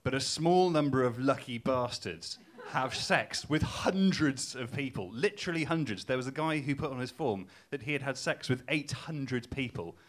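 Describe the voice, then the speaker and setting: A young man from Newcastle, England, doing stand-up in a Geordie accent, speaks animatedly at normal speed in a mid-range voice, barely pausing. Before a laughing live audience, his delivery is casual, self-mocking and hesitant, full of ums.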